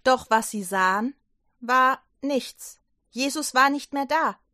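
A woman telling a children's Bible story at an unhurried pace. Her voice is bright and clear, with a gentle storytelling manner. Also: high voice.

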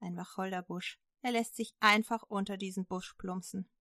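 Bright-voiced woman telling a Bible story. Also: mid-range voice, normal speed, no echo, studio quality. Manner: lively, chatty asides. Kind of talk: Bible story narration for children.

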